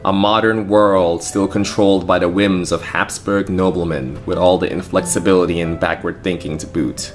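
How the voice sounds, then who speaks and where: A young adult man giving a scripted narration, measured and reflective. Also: low voice, steady tone, soft background music. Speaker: narrator and channel host.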